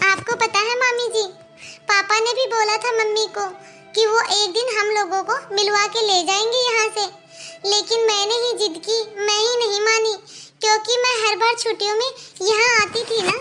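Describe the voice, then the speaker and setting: A woman's voice: very high voice, fairly even intonation, normal speed, music in the background. A woman voicing an outspoken young girl who speaks up earnestly for her mother in a cartoon. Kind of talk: cartoon voice acting.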